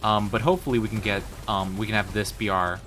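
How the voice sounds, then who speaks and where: A man livestreaming games chats casually and bantering playfully with his viewers. His voice is fairly low, a bit bright, quick, and fairly even in intonation, with faint music in the background.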